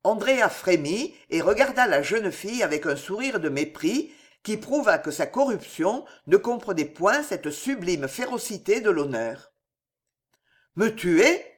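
A man narrating a classic novel as an audiobook, with an expressive, dramatic delivery. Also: sits high, unhurried, few pauses. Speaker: audiobook reader.

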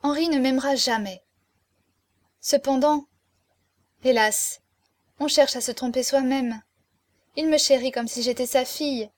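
A woman reading a novel aloud in the first person, with measured, expressive scripted narration. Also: sits high, dry recording. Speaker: audiobook narrator.

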